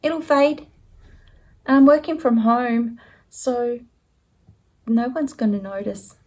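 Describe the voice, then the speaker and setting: A chatty woman talks slowly through her craft projects in a relaxed home vlog. She wanders a little and corrects herself mid-sentence, in an easy, unhurried way. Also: fairly high pitch. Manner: chatty and rambling, self-correcting. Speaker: stitching vlogger. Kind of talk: casual show-and-tell chat.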